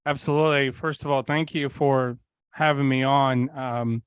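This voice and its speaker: His mid-range voice stays steady at normal speed, clean and without echo. The speaker, a man in his forties originally from Bulgaria, tells his story candidly on a podcast, rambling with frequent fillers and swearing now and then.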